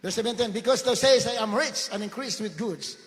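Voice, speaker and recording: A male preacher giving a fervent sermon, often rising to shouts and mixing Tagalog with English. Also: very high voice, moderate pace. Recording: long hall reverb.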